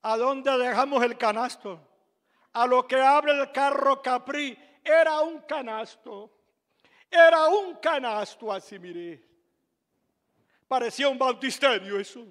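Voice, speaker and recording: Older Venezuelan pastor, unhurried and emphatic, preaching a testimony in a reverberant church. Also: male voice, extremely high pitch. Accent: Venezuelan Spanish. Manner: dramatic, emphatic, bursts into shouts. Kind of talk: sermon testimony storytelling.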